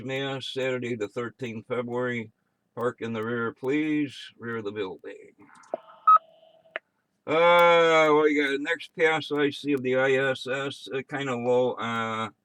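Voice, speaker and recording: An American man working as net control on an amateur radio net, reading check-ins and announcements in a halting, offhand way with muttered asides. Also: mid-range voice, a bit bright, dry recording, rough recording.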